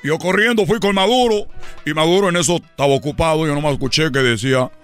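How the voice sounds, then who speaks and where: Excitable, rambling male comedy host. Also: on the high side, fast talker, soft background music. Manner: rambling, excitable, stammering story with running jokes. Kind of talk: comedic radio storytelling.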